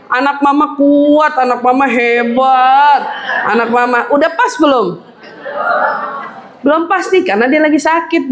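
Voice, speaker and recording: A woman preacher giving a parenting lecture in a mosque, acting out mothers' lines and laughing often. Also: high voice. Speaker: Islamic preacher. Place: mosque hall with audience. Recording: echoey hall, audience noise.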